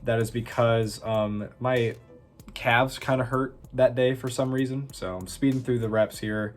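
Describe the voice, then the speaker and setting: A man's voice: mid-range voice, fairly even intonation, measured pace, faint music behind. A young man giving casual, self-teasing voice-over commentary on his own workout footage, with many fillers. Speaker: fitness vlogger.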